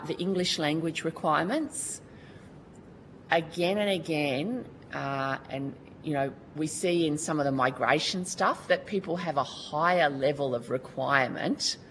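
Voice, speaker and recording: Speaking at a Senate committee hearing, this Australian woman offers formal testimony that is earnest and colloquial, with frequent restarts. Her voice is low, and the poor audio carries a faint hiss or hum.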